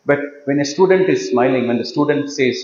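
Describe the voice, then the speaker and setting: A man's voice: medium pitch, fairly quick, darkish tone. Guy teaching meditation, keeps repeating himself and asking the room questions, dull echoey hall sound. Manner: repetitive, asks the audience questions. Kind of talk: motivational talk to teachers.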